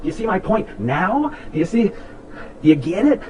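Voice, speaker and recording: A man's voice: sits high, big pitch swings, moderate pace, dark tone, recorded from a distance, slight background noise, rough recording. A man arguing back in a debate video, sarcastic and profane. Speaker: video debater replying to a critic. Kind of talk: argumentative rebuttal video.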